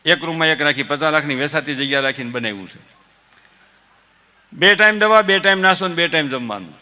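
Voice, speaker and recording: High, forceful Saurashtra Gujarati folk comedian. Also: male voice, fast. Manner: animated, laughs at own jokes, mimics family members. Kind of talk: folk stand-up storytelling.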